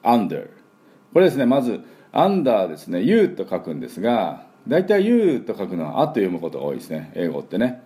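A man teaches English pronunciation with a deep, warm voice. His delivery swings widely in pitch as he demonstrates sounds. He slows right down to drill words for the listener to repeat. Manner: lively, demonstrative, drills words slowly for repetition. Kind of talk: spoken English pronunciation lesson.

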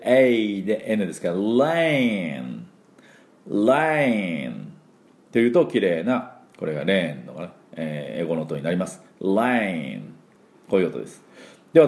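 A middle-aged man giving a chatty spoken pronunciation lesson, full of fillers and slow demonstrations of sounds. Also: lowish voice, dark tone, roomy sound. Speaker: English pronunciation teacher.

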